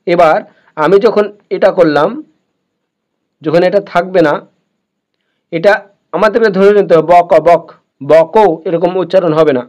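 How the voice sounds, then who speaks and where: A man with a high voice teaches a beginners' reading lesson. He sounds each word out patiently and says it again and again before moving on. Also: darkish tone, lo-fi sound. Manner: slow, repeats words over and over.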